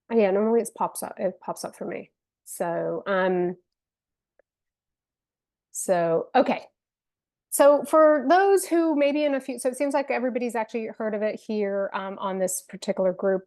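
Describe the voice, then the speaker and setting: Speaking at a medium pitch with a darkish tone, a company co-founder leads a teacher-training webinar over a video call, using her computer mic. She comes across as earnest, with occasional fillers and restarts; her family is Venezuelan, and she grew up in Spain and the UK.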